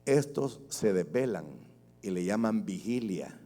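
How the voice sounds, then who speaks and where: A middle-aged male pastor preaching an animated sermon in a church. He fires off rhetorical questions and swings between loud bursts and quiet asides. His voice rings with the long reverb of a church hall. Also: on the low side, a little slow.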